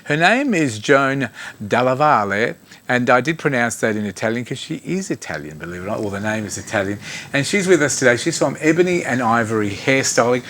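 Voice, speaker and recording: A man's voice: medium pitch, expressive, a little fast, a bit bright. Easygoing male talk show host. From Europe. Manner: easygoing, chatty interviewer. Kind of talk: casual chat. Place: studio. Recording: faint background noise.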